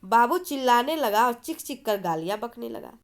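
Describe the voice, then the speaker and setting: Her voice sits fairly high and sounds expressive, moving at a normal speed. This woman teacher reads a story out loud and explains it, asking her own questions and supplying the answers.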